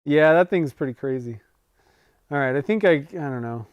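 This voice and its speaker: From his home workshop, a man in his 40s runs a casual livestream, his talk rambling and full of self-corrections and chuckles. The voice is a little high and expressive at normal speed, with no room sound.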